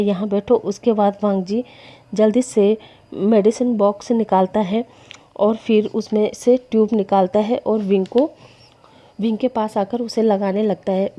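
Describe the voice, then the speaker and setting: A woman's voice: mid-range voice, warm tone. A woman telling a story in a casual, chatty narration. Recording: dull lo-fi recording.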